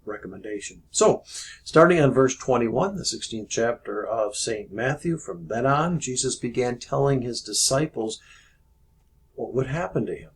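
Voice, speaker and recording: A man, a pastor, giving a relaxed video devotion, explaining as he goes with many ums and uhs. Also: lowish voice, husky, poor audio.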